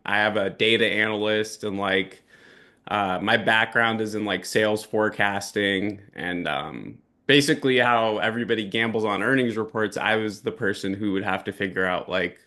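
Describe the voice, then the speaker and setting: A man from California's Bay Area talks as a guest in a casual interview. His voice is fairly low but bright and forceful, and he speaks in a relaxed way, full of "like". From San Francisco Bay Area, California. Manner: relaxed, peppers speech with "like".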